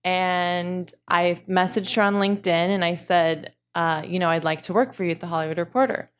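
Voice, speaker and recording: A woman's voice: on the low side, fairly even intonation, moderate pace. A young adult woman speaking as a panelist, telling her story casually and quoting her own words. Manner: storytelling, casual, quotes herself. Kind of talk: panel discussion.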